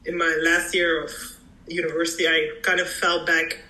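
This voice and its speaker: A woman's voice: on the low side, level tone, normal speed, pushed and bright, roomy sound, poor audio. A young woman from Belgium, a photographer, chatting fluently as a podcast guest with frequent ums. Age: young adult. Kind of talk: casual interview.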